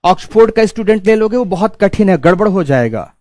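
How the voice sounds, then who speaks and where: A man's voice: sits high, lively intonation, fairly quick, darkish tone, no echo. A male teacher giving a stern exam-prep lecture, scolding students and repeating key points for emphasis.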